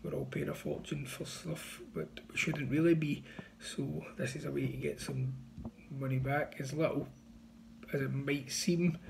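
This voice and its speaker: A man in his thirties with a gravelly mid-range voice gives casual, confident betting tips to camera from a small room, chatty and pushing bets. He records on a phone's front camera held at arm's length, with slight background noise.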